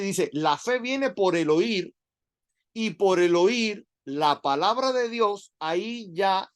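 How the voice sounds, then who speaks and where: A middle-aged man with a high voice preaches a sermon in an animated, conversational style, filling it with rhetorical questions.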